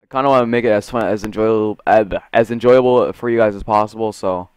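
A young man doing casual, profane video game commentary in slangy gamer bro talk, swinging between muttering and excitement. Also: on the low side, fast talker, smooth, dry recording. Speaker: gaming video creator.

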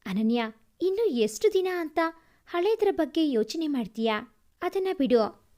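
A woman voicing a calm, concerned grown male colleague who questions gently. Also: high-pitched, unhurried.

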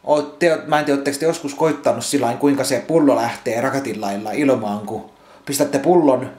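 A man's voice: medium pitch, a little mellow, roomy sound. A man vlogging from his home, ranting angrily about a burst bottle, swearing constantly and repeating himself. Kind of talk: angry rambling vlog rant. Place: at home indoors.

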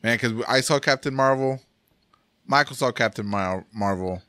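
A man hosts a loose, casual podcast, laughing often and tripping over his words. His voice is mid-pitched. It sounds close and dry. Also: moderate pace, pushed and bright, clean tone, no echo. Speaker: podcast host. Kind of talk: casual chat.

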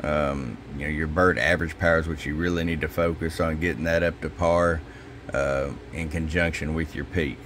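A low-pitched man talks through a radio tune-up at his repair bench in a relaxed, folksy way. He keeps it casual, like he's talking to a customer. A faint hum sits under his voice. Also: normal speed. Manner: relaxed, folksy, repeats "hello" into the mic while testing. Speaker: CB radio shop owner and technician. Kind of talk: casual workshop demo talk. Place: radio repair workbench indoors.

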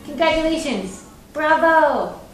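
A woman playing a board game with her small child at home, praising and guiding them in a slow, sing-song way. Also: sits high, expressive, reverberant, a little hiss or hum. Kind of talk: patient, encouraging talk to a toddler.

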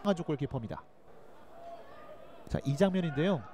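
A high-voiced man calls a live football match play by play. His delivery is animated and excitable, swinging up into shouts on chances, with faint stadium noise behind him. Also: a little fast, crowd noise.

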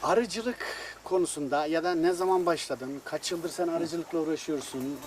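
A man's voice: fairly high pitch, normal speed, a little hiss or hum. A man hosting a casual interview, chatty and given to teasing his guests. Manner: teasing, jokey. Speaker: host interviewer. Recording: clear music behind the voice.

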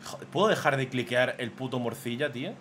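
Man, streamer, excitable, swears a lot, gushing. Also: medium pitch, brisk, slight background noise. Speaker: streamer reacting to fan drawings. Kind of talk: casual live commentary.

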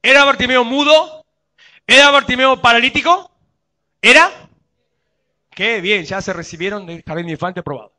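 Bright, high-pitched Rioplatense preacher man. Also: moderate pace, long pauses. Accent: Rioplatense Spanish. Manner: preaching with rhetorical questions to the congregation. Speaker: pastor. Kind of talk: sermon.

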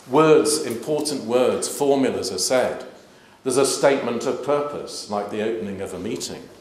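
A clergyman, giving a measured, emphatic talk at an interfaith event. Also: mid-range voice, a little hiss or hum. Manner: measured, emphatic, gesturing while speaking. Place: large plain hall. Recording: echoey hall.

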